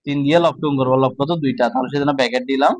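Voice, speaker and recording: A man teaching a math lesson, speaking slowly and asking his own questions before answering them. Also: mid-range voice, steady tone, no room sound, low-quality recording. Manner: slow, repetitive, asks and answers own questions. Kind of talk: casual classroom lesson.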